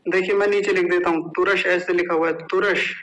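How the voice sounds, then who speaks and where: A man's voice: high voice, level tone, quick pace, fairly bright tone, rough recording. A man teaching a recitation lesson, patiently sounding out words syllable by syllable and asking listeners to repeat after him. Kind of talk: slow, careful recitation lesson.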